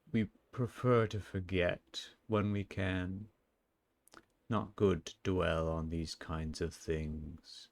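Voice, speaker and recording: A man playing a calm, wistful ancient sun champion, speaking slowly and solemnly in a live role-play. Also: low-pitched, no echo. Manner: slow, reflective, solemn storytelling.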